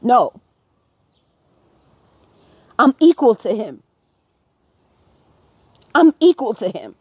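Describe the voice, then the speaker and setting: A woman's voice: fairly high pitch, big pitch swings, very slow, darkish tone, husky, no echo. An American woman giving impassioned social commentary as a live-stream host, preachy and emphatic, talking straight to her viewers. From United States. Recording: dull lo-fi dry sound.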